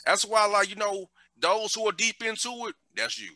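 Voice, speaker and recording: A man's voice: high voice, sing-song, brisk, bright, forceful tone, no echo. A man in casual conversation, talking animatedly and repeating words for emphasis.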